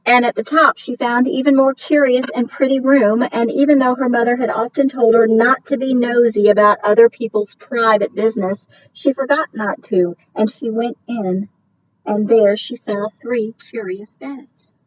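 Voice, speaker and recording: Woman teacher reading aloud from a distance. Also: fairly high pitch. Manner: expressive, drawn-out storytelling emphasis. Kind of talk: storybook read-aloud lesson. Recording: distant, dull recording with faint hiss.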